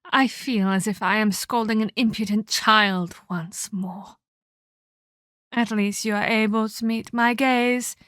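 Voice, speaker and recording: In a scripted ASMR roleplay, a woman plays a menacing female vampire captor, theatrical and mockingly sweet as she scolds and condescends in a cold, taunting mood. Her mock-polite scolding is slow and deliberate, in a medium-pitched, steady, slightly bright natural voice. The studio-quality recording has no room sound.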